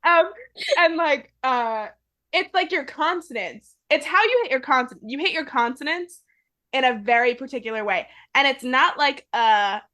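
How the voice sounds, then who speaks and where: A young woman hosts a relaxed podcast chat, talking with a friend. Her voice is fairly high and bright with a forceful edge. She laughs easily and fills her sentences with "like". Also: normal speed. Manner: chatty, laughs often, fillers of like. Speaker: podcast host. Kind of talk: casual chat.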